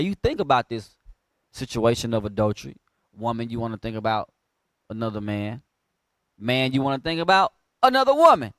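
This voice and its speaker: A man teaching a Bible class in a preaching style, prompting a reader with call and response and swinging from quiet low asides to loud emphatic bursts. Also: no echo.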